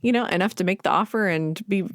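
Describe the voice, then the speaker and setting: A woman in her thirties hosting a podcast interview, warm and encouraging, thinking aloud as she asks questions. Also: medium pitch, fast, no room sound, studio quality. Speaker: podcast host. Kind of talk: casual interview chat.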